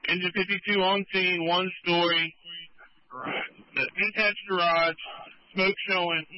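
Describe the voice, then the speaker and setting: A man's voice: high voice, little pitch movement, measured pace, lo-fi sound. A man working as a firefighter, giving a terse scene report over a two-way radio. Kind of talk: terse fire size-up report.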